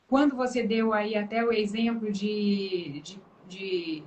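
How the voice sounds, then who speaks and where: A woman's voice: medium pitch, slow, low-quality recording. A woman pastor with a Brazilian Portuguese accent, giving an emphatic testimony and preaching in a live conversation. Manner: emphatic, dramatic testimony with lively quoted voices. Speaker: pastor and guest.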